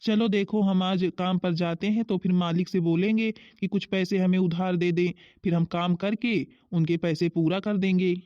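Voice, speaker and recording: A woman's voice: on the low side, fairly even intonation, moderate pace, few pauses, dark tone, dry recording, lightly acted. A woman voicing a hardworking young husband in a cartoon, talking plainly and practically. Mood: worried. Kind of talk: Hindi cartoon voice acting. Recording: dull, muffled recording.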